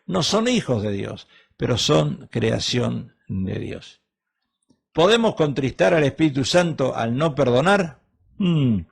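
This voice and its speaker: A middle-aged male pastor preaches with a gravelly, husky voice. He talks with emphasis and keeps asking the congregation rhetorical questions. His loudness rises and falls as he drives home each point. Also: medium pitch. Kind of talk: sermon.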